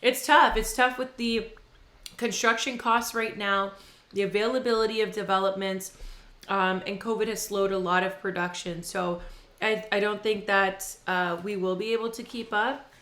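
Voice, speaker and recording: A woman's voice: mid-range voice, moderate pace, roomy sound. A woman co-hosting a casual podcast about real estate while eating hot wings, laughing often and reacting to the spice. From Ontario, Canada. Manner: laughs often, excitable, reacting to spicy food.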